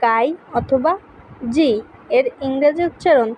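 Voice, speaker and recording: Slow, high-voiced woman teaching pronunciation. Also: a little mellow, slight background noise, poor audio. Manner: slow, deliberate letter-by-letter reading. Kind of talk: spelling and pronunciation lesson.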